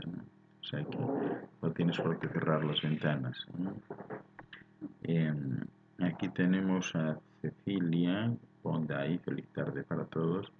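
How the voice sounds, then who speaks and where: Deep low spanish guy doing a live q&a on spiritual stuff, calm, explains a lot, muffled lo-fi sound. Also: vocal fry, slight background noise. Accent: Spain Spanish. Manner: calm, explanatory, frequent tag questions. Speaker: host answering viewers' chat questions. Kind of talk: live spiritual talk with chat questions.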